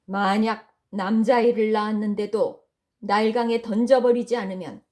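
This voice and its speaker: A woman's voice: mid-range voice, steady tone, normal speed, darkish tone, close to an everyday voice. A woman voicing a cruel male pharaoh who gives stern, emphatic commands in a children's story. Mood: menacing. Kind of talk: acted children's Bible storytelling.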